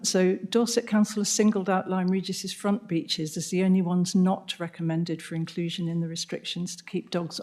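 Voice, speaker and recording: A woman's voice: lowish voice, warm tone. Older British woman, councillor reading aloud. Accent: British English. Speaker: ward councillor. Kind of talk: reading out a prepared question at a council meeting.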